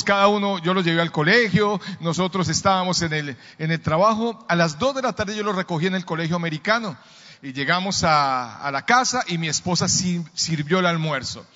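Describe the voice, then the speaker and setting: A middle-aged pastor preaches a sermon in a church hall, telling a story and calling on the congregation to answer back. His voice sits high and is brisk, bright and forceful. The sound is dull, with a long reverb from the hall.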